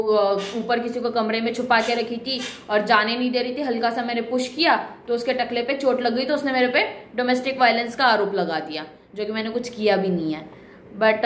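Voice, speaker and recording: Woman film recapper, high voice, chatty and wry asides, roomy echo, faint hiss. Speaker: movie reviewer. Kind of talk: casual movie story recap.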